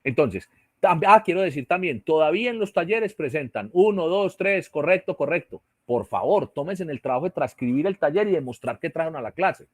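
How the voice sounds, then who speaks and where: A man's voice: a little high, animated, brisk, dry recording, studio quality. A male teacher with a Colombian Spanish accent, lecturing an online class and often checking in with his students. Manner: explanatory, checks in with "¿sí?" and "¿cierto?". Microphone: computer mic on a video call.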